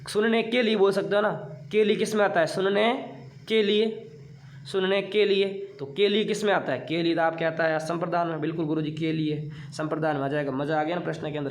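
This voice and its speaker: A young man teaching an online exam-prep class in a playful, teasing way, asking questions and answering them himself. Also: a little high.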